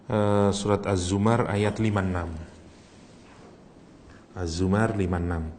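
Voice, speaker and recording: A middle-aged man with a light tinge gives an animated religious lesson, his pitch jumping up when he acts out cries of grief. He teases his listeners, laughs easily and quizzes them, while a faint hum of room noise sits behind him. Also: unhurried. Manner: teasing and animated, acts out Arabic cries with sudden high voice; laughs often, asks the audience questions. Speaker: Islamic teacher. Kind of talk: lecture on Quranic language.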